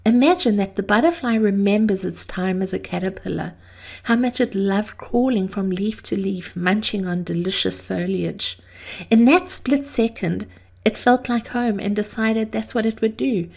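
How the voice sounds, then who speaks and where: A woman hosting an inspirational series, delivering a scripted monologue in a theatrical, measured way with drawn-out emphasis. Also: mid-range voice, gravelly, a little mellow. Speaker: host of a daily inspirational series.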